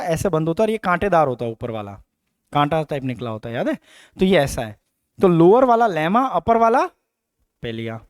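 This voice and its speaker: A man's voice: sits high, a little mellow, no echo, clean studio sound. A middle-aged man giving a biology coaching lecture, asking questions and repeating terms to drill them in. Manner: explains with questions and repetitions, Hinglish mix. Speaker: biology teacher.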